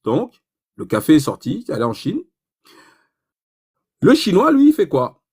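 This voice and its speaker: Animated man explaining economics. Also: on the high side, moderate pace, husky. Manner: animated, rhetorical questions, provocative asides. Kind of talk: informal lesson.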